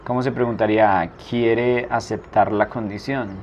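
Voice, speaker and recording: A man teaching a language lesson, asking a prompt and then saying each answer slowly twice. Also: fairly low pitch, steady tone. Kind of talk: slow spoken drill lesson. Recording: dull lo-fi recording with faint noise.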